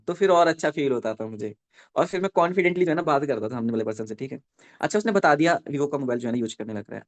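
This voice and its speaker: Guy teaching a sales training over a video call, slightly high voice, keeps asking "right?". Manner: keeps checking in with listeners; dictates slowly for note-taking. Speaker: network marketing trainer. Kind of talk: live online training session.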